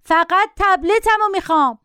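A woman voicing a spoiled little boy who shrieks shrill demands in a storybook reading. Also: pushed and bright, no echo, clean studio sound. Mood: furious.

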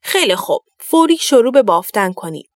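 A woman's voice: a little high, very animated, no echo, clean studio sound. A woman playing a vain, pompous king. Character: vain, fooled male king.

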